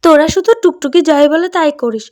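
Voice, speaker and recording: A woman's voice: sits high, brisk, darkish tone, close to an everyday voice. Woman doing a jealous, sulky doll girl. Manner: petulant and bossy.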